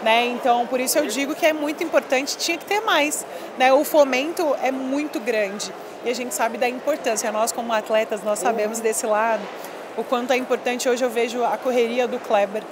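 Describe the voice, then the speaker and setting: Her voice fairly high and her speed normal, a thirtysomething ex-volleyball player chats emphatically in a casual interview over a noisy background. She's at a busy expo hall, drops plenty of fillers, and speaks into a handheld mic held by the interviewer.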